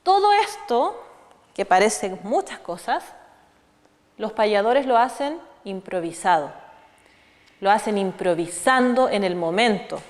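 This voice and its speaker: A woman's voice: medium pitch, animated, a little slow, pauses often, in a large hall. A woman with a Chilean accent teaching children about folk verse in an online lesson, asking them questions as she explains. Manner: didactic, asks pupils questions.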